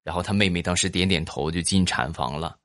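A man's voice: low-pitched, fairly quick, fairly bright tone, no echo, studio quality. A man hosting a podcast, telling funny stories and reading listener comments while teasing his audience. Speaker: podcast host.

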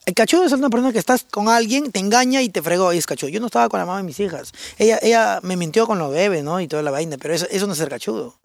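A man's voice: high-pitched, racing, vocal fry, hardly any pauses, no echo. A man answering questions in a casual, laughing chat, slangy and rambling. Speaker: guest.

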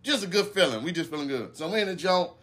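A man's voice: fairly high pitch, lively intonation, fast, a bit bright. A man hosting a podcast, telling a story in casual, profane slang and often asking "you know what I'm saying". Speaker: podcast host.

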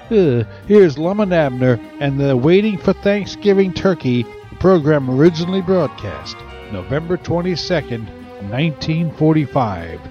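A man's voice: fairly high pitch, expressive, measured pace. A man hosting a radio show in a casual, rambling, folksy way, chuckling now and then. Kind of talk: casual chatty radio presentation. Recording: dull sound with music behind.

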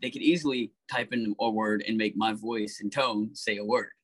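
A man talking casually as a podcast guest, animated, swearing freely and pitching story ideas. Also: moderate pace, no room sound, rough recording.

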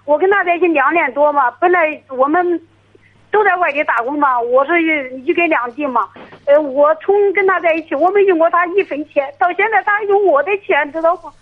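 A middle-aged woman calling in to an advice show, talking haltingly with many restarts over a tinny phone line. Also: sits high. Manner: halting, hesitant, restarts often. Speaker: caller.

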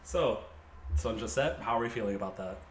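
A man's voice: fairly low pitch, brisk. A young man in his twenties hosting a casual student podcast, teasing and joking. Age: 20s. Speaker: podcast host. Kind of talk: casual chat. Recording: echoey room, faint noise.

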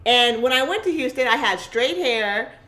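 A woman from Costa Rica talking in an animated, emphatic way, with frequent restarts, in a casual conversation. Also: a little high, moderate pace.

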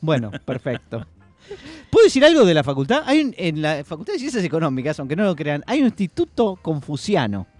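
A man with an Argentine accent co-hosting a podcast, bantering and cracking quick jokes. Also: fairly high pitch, big pitch swings, a little mellow, dry recording. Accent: Argentine Spanish. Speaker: podcast co-host. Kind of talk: casual chat.

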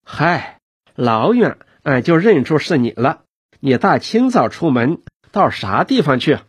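A good-humoured old carter from the countryside, voiced by a man reading a storybook. He talks in a homely, folksy way, slow and rolling, with a voice that rises and falls a lot. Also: fairly high pitch, big pitch swings, breathy edge, no echo, exaggerated voice. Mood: cheerful. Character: cheerful older rural male cart driver.

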